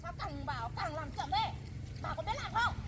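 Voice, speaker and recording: A woman's voice: extremely high pitch, animated, normal speed. A young woman playing a cruel, bossy daughter-in-law who harshly scolds and orders around her mother-in-law in a field. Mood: scolding. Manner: harsh, scolding, impatient commands. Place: outdoors in a rural field. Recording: noisy outdoor field recording.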